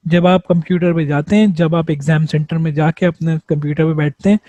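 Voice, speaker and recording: High-voiced male teacher. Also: dark tone, dry recording. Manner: explains, repeats and answers own questions. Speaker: exam prep teacher. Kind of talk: explanatory lesson.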